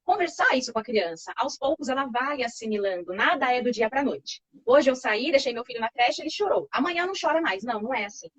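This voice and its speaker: A woman, calmly explaining baby development as an interview guest, reassuring and patient, often checking in with tag questions. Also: a little high, quick pace, few pauses, slightly rough, dry recording. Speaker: child development expert guest. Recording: slightly muffled lo-fi recording.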